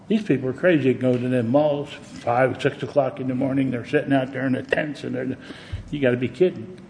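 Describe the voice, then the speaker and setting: A man's voice: mid-range voice, creaky, a little mellow, a little hiss or hum. A male pastor preaching a sermon in a folksy, humorous storytelling manner.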